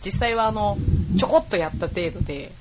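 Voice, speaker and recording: A woman's voice: medium pitch, a little fast, muffled recording, noisy background. A woman in her thirties from Okayama, a guest singer-songwriter chatting cheerfully in an interview. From Okayama, Japan. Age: 30s. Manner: cheerful, animated, laughs easily. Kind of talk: casual interview chat.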